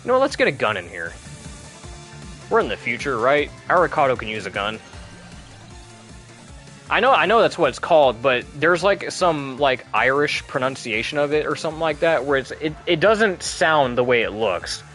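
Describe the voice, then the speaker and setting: A gameplay commentator offers casual, chatty let's play talk while playing a video game, rambling and often restarting his sentences. His medium-pitched voice is sing-song and a bit bright, moving at a moderate pace over faint background music.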